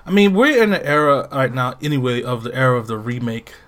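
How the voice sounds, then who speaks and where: A man's voice: mid-range voice, fast talker, fairly bright tone. A man co-hosting a podcast in casual chat, telling stories animatedly, acting out his own reactions and swearing freely. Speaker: podcast co-host.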